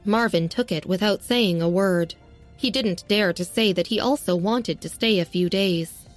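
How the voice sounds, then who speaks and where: A woman narrating a serialized audio story in a steady, even reading. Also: mid-range voice, measured pace, soft background music.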